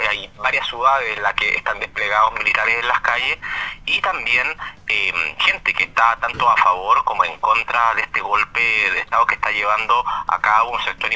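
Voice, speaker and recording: Man over a bright phone line. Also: fairly low pitch. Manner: measured explainer with frequent hesitation fillers. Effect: heard over a phone line. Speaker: caller, radio correspondent. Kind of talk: live call-in news update.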